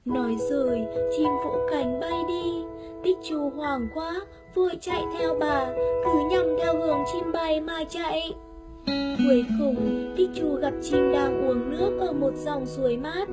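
A woman narrating a fairy tale for children slowly and expressively, with guitar music behind. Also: high voice. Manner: slow, soothing, expressive. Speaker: children's storyteller.

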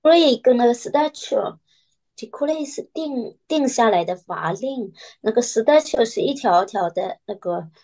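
A woman's voice: a little high, lively intonation, a little slow, dark tone. A woman student asking a question in class, curious and a bit hesitant as she checks her understanding.

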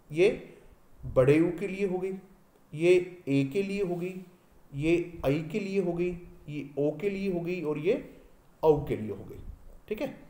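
A man's voice: on the high side, mellow, reverberant. A male teacher with an Indian English accent giving an exam-prep lecture, repeating each point and quizzing his students as he goes.

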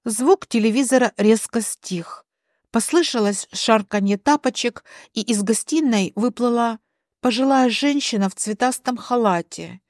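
A woman reading a scripted story aloud in a measured way. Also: on the high side, darkish tone, dry recording, clean studio sound. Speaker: narrator.

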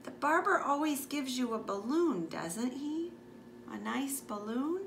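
A woman's voice: sits high, sing-song, a little slow, creaky, exaggerated voice. Exasperated storybook mom, read by a woman. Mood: wary. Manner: protesting, weary. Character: exasperated, reluctant but loving young boy's mother. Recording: echoey room with background noise.

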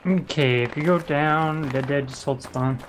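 A man's voice: fairly high pitch, steady tone, measured pace, slight background noise. A man giving directions as squad leader in tactical game voice chat. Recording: game voice chat over loud gunfire.

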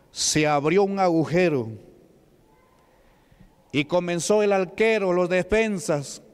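A man with a Peruvian Spanish accent preaching a fervent sermon, scattering interjections of praise and slowing down and rising in pitch for emphasis. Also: clean tone. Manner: slows and rises for emphasis. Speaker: pastor. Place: church hall. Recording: reverberant church hall.

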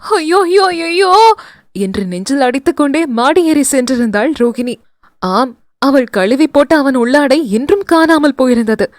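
A woman narrating an audio novel in an expressive storytelling voice. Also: high voice, moderate pace, no echo, clean studio sound. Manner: expressive, animated reading.

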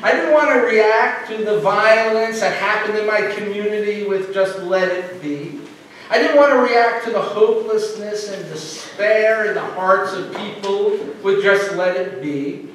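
Middle-aged male minister, light high voice, preaching earnestly with pauses; echoey hall, mic at a distance. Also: a bit bright, a little hiss or hum. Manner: earnest, conversational preaching with pauses and slow emphasis. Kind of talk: sermon. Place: church sanctuary.

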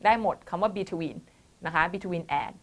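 A woman's voice: on the low side, steady tone, slow pace. A woman teaching an online English exam-prep lesson, mixing English terms into her explanations, patient and checking in often with her students. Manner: calls herself "teacher" and the students "child", mixes English terms into Thai. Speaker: IELTS tutor.

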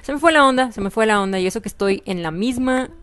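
A woman's voice: on the high side, fast talker, a little hiss or hum. Chatty woman with a Mexican Spanish accent. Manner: chatty, excitable, repeats herself, frequent laughs. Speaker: gaming video host. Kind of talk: casual gameplay commentary.

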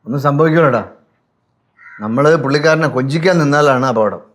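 An actor playing a sensible uncle who scolds and reasons with family members. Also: male voice, fairly high pitch, a little fast, close to an everyday voice. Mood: reassuring. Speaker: maternal uncle. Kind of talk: sitcom acting.

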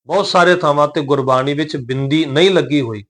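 A man with a Punjabi accent teaching scripture pronunciation, reciting each line slowly and deliberately. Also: on the high side, fairly bright tone. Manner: slow, deliberate chanting of scripture lines. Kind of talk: slow recitation and pronunciation lesson.

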